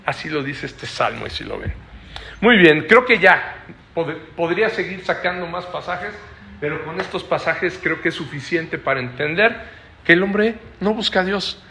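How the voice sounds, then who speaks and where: A man's voice: a little high, lively intonation, normal speed, gravelly, bright, forceful tone. A man preaching a Bible study, explaining a passage and checking in with his listeners with constant rhetorical questions.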